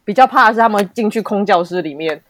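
A young adult woman chatting casually about her cram school days, quick to react and laugh. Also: medium pitch, animated, no echo, clean studio sound. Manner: reactive, frequent laughs and gasped interjections. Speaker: podcast host, former cram school staff. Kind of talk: casual chat.

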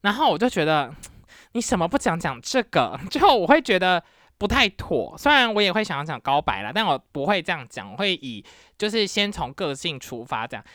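A woman from Taiwan, hosting a podcast and telling her dating stories in a casual, animated, exclamatory way, with English words mixed in. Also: lowish voice, brisk, dry recording, studio quality. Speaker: podcast host. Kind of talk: casual storytelling.

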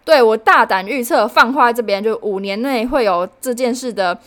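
Chatty young Taiwanese woman host. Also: normal speed. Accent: Taiwanese Mandarin. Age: young adult, about 19. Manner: chatty, many fillers and frequent pitch jumps for emphasis. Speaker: podcast host. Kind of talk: casual news-recap podcast.

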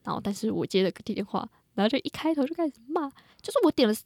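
A young adult woman with a Taiwanese Mandarin accent, chatting casually and telling things in an animated, colloquial way. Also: on the high side, fast, gravelly, husky, no room sound, clean studio sound. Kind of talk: casual chat.

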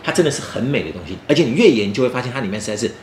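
Fast, animated Taiwanese-accented man teaching young children. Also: mid-range voice. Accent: Taiwanese Mandarin. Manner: playful teaching as if to young children, with check questions and demonstrations. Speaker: children's story show host. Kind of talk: lively book talk for children. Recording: roomy echo, faint background noise.

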